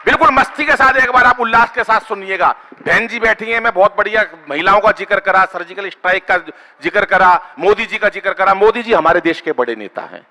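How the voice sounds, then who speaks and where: A man's voice: high voice, pushed and bright, long reverb tail, rough recording. A man from Haryana, performing comic poetry on a live stage and bantering with the crowd to draw applause. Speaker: comic poet. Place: live stage before an audience.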